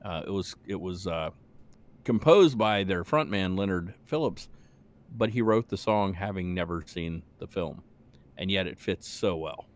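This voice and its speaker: A man's voice: sits low, lively intonation, a little slow. A man co-hosting a podcast, chatting casually with fillers and easy laughs. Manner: rambling, laughs easily, many fillers. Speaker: podcast co-host. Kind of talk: casual chat.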